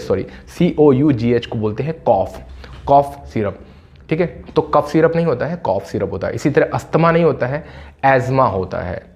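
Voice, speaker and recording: A man teaching spoken English in a casual, chatty way, slowing down and repeating words for emphasis. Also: mid-range voice, darkish tone. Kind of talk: casual classroom-style explanation. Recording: slightly dull lo-fi audio.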